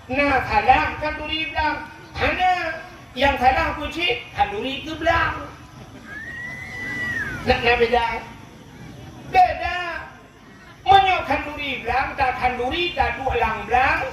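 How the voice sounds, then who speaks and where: A man's voice: extremely high pitch, unhurried. A man preaching a religious sermon in an Acehnese accent, emphatic, calling out to the gathering and reciting Arabic prayers. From Aceh, Indonesia. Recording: very echoey, far from the mic, faint noise.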